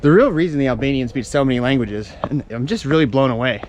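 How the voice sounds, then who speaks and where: Strolling outdoors, a man vlogs his travels informally and off the cuff, chatting and explaining as he explores. His voice is mid-range and fast, with slight background noise.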